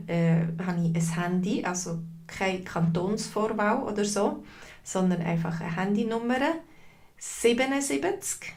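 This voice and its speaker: A woman's voice: medium pitch, creaky. A woman with a Swiss German accent teaching a live online lesson, patiently repeating phrases and greeting viewers in the chat. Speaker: language teacher.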